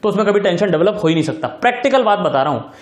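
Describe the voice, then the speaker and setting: A man's voice: high-pitched, expressive, racing, echoey room. A man teaching a physics class in mixed with terms, repeating key steps and checking often whether his students follow. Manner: affectionate address to students. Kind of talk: recorded classroom lecture.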